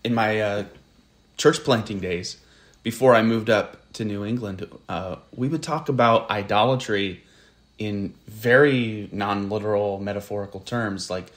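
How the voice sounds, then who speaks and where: A man with a General American accent speaks in a low voice on a casual podcast. He reflects aloud, pausing and restarting his sentences as he goes. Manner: reflective, halting, many restarts. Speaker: podcast co-host. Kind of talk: casual conversation.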